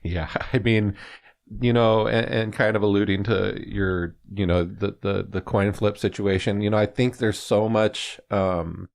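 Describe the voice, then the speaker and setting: A man's voice: lowish voice, steady tone, unhurried, gravelly. A man from California co-hosting a sports talk show, explaining at length in a rambling way full of fillers. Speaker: sports podcast co-host.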